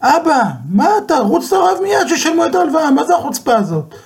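A man voicing a greedy, demanding grown son in a told story, his voice husky and pushed up high. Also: sing-song, darkish tone. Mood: alarmed.

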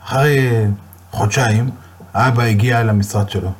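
A man telling a moral story in a lively, dramatic storytelling style. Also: medium pitch, breathy edge. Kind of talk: storytelling sermon.

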